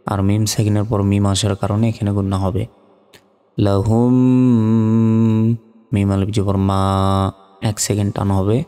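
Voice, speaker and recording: A man's voice: lowish voice, mellow, in a large hall. A man teaching Quran reading, spelling out each letter and vowel mark syllable by syllable. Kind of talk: step-by-step spelling lesson.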